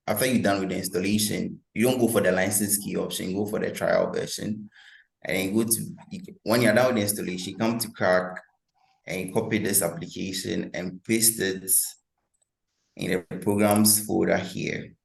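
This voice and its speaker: A man presenting a workshop, giving relaxed step-by-step software instructions over a video call. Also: sits low, normal speed, gravelly. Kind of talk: software demonstration. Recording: echoey room.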